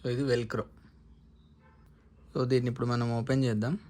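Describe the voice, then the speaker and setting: This man is a motovlogger presenting a product unboxing, explaining each installation step casually and mixing in English terms. Heard through a noisy lavalier recording with ambience, his mid-range voice is level, a little mellow and moderately paced.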